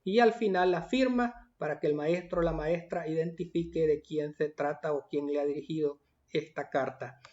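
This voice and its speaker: High-voiced teacher, patient and methodical. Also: male voice, moderate pace, darkish tone, highs cut off. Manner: patient, methodical, reads items aloud then explains. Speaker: primary school teacher. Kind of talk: explaining a worksheet to pupils.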